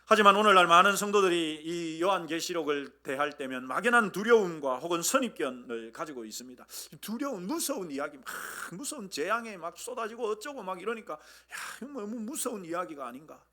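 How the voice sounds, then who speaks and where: A male pastor with a Gyeongsang accent preaches in a church, joking and calling out for the congregation to repeat after him. His voice is bright and forceful, and it swings widely in pitch. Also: brisk, few pauses. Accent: Gyeongsang Korean. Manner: lively, humorous preaching, leads congregation in call-and-response. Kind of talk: sermon. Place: church sanctuary.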